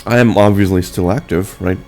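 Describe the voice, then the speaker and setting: Hosting his channel, a young adult man speaks English with a Brazilian accent, his native tongue being Portuguese, in a loose, stop-start update packed with fillers and false starts. He has a deep, steady, slightly mellow voice, with faint music behind him.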